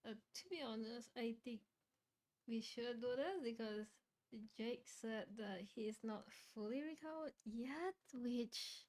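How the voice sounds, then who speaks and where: A woman's voice: on the high side, measured pace. Chatty woman streamer. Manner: chatty, filler-heavy, loud exclaiming when surprised. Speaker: streamer host. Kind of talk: casual chat on a live stream.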